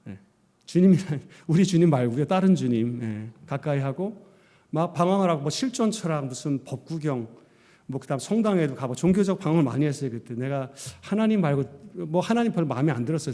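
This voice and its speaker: A male pastor preaching a sermon, telling his story with lively acted-out lines. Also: a little high, long reverb tail. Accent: Korean. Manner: animated storytelling, acting out his own past words. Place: church sanctuary.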